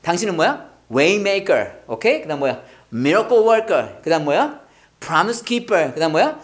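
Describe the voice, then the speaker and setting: Brief: teacher, animated, quick-fire questions, drills English pronunciation from song lyrics. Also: mid-range voice. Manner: lively, asks and answers own questions. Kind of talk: worship-song English lesson.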